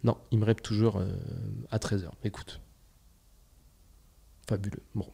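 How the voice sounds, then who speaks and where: A man's voice: on the low side, level tone, a little fast, creaky, dark tone. A young man hosting a podcast, talking in a casual, slangy monologue and acting out his own inner voice. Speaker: podcast host.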